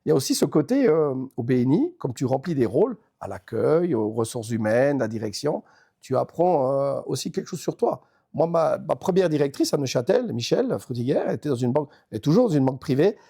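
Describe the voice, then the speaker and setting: Fast-talking man with a dark voice. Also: mid-range voice, very animated, creaky, breathy edge. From Switzerland. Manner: fast, talkative, many restarts and repeated words. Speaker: network organization regional leader. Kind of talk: casual interview talk.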